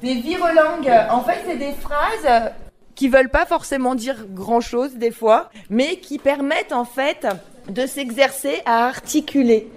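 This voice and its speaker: A woman with a notably high voice leads a group of children through diction exercises. She is playful and demonstrative and keeps asking them questions. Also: unhurried. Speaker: voice and diction workshop leader. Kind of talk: leading a diction workshop with children.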